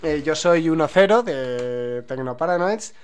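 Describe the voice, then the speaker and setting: A man hosting a year-end radio show, joking and halting with fillers and restarts. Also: on the high side, expressive, clear, resonant tone. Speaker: host. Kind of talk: casual radio chat. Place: small radio studio.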